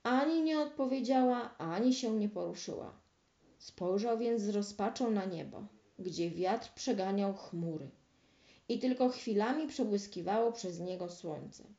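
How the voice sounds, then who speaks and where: Slow, mellow woman reading a fairy tale. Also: mid-range voice. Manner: slow, expressive storybook narration. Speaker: storyteller. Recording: roomy, dull lo-fi recording.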